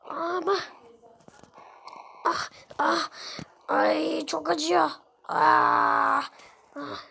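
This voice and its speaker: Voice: sits high, wildly swooping pitch, drawn-out words, gravelly, pushed and bright, slight background noise, full character voice. A performer voicing a melon ragdoll in a sandbox game that whines and cries dramatically over every bump. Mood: whining. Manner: whining and crying, dramatic.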